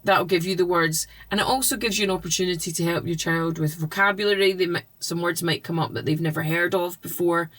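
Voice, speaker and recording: A woman with a fairly low voice, talking as a reading tutor. She explains her tips patiently and without rushing, in the plain manner of an instructional vlog. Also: fairly even intonation, a bit bright.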